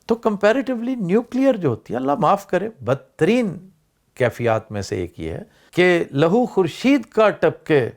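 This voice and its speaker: An older man hosts a vlog with casual, rambling commentary, musing aloud and slipping English words into his speech. His mid-range voice is a little mellow with some vocal fry, and his emphasis rises and falls.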